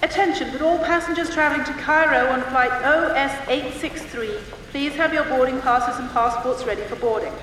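A woman playing an airport announcer, giving formal, carefully enunciated scripted announcements to passengers in a measured manner. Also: sits high, fairly bright tone. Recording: echoing public-address sound, distant, faint noise.

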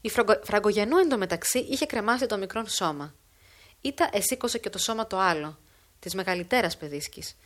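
A woman narrating an old literary tale in a measured, solemn audiobook reading. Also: medium pitch.

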